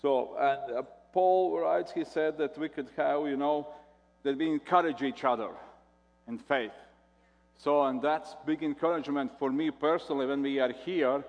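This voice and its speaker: A man with a Latvian accent preaches as a visiting pastor, his voice sitting a little high for a man. He speaks haltingly, circling back over his words as he goes. The sound carries a long echo from a church hall. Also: darkish tone. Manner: halting, repeats words often. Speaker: guest pastor. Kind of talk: sermon.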